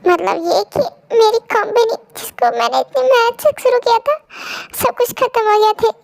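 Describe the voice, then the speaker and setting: A young woman voicing a troubled young husband in an amateur fan dub drama, speaking in a pleading, emotional, halting way. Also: high voice, level tone, darkish tone, no echo, lightly acted. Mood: distraught.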